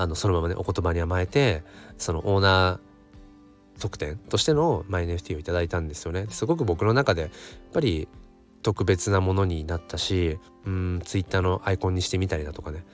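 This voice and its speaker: A man with a hoarse voice hosts a casual solo audio channel, thinking aloud in a hesitant way. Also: low-pitched. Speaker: host of a daily audio channel.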